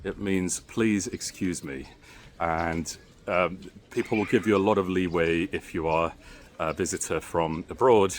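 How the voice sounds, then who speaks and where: A man whose native language is Bosnian walks through a park outdoors, giving chatty, wordy travel vlog commentary full of sightseeing flourishes. His voice is deep and unhurried, with a little background noise.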